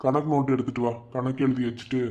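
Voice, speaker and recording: A man's voice: medium pitch, steady tone, fast, lightly acted. Actor as a blunt young man, dull lo-fi. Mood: dismissive. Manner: blunt and teasing, gentle with his friend. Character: young village man, loyal friend, hiding a secret. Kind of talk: television drama acting.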